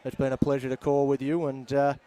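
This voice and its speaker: A man with an Australian accent calling a football game outdoors, measured and wry, with plenty of pauses. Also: mid-range voice, monotone, dark tone. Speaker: play-by-play commentator. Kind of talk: sports commentary wrap-up. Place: outdoor sports ground.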